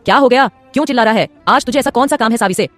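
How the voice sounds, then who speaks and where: A woman's voice: medium pitch, animated, racing, no room sound, faint music behind, natural voice. A woman voicing a stern older father who scolds and lectures his grown son in an audio drama. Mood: scolding, explaining.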